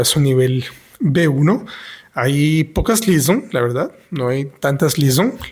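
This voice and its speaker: A man teaching as a French teacher, reading lines aloud and explaining them slowly and patiently. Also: medium pitch, darkish tone, slightly rough. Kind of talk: language lesson reading and translating.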